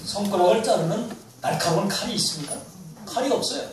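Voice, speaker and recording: A male pastor telling a mission story in a sermon, acting out the dialogue with lively shifts in voice. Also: fairly quick, slight background noise. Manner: animated storyteller, acts out dialogue with rising pitch. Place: church hall. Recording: echoey church hall, distant mic.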